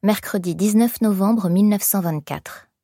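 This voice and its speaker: A woman narrating a novel in an even, measured storytelling manner. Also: mid-range voice, no echo, studio quality.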